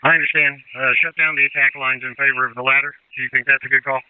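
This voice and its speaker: Brisk American fire commander over tinny radio. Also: male voice, mid-range voice, little pitch movement, clear, resonant tone, no echo. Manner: terse, procedural commands. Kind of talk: fireground radio dispatch traffic. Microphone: two-way radio. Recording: tinny narrowband two-way radio.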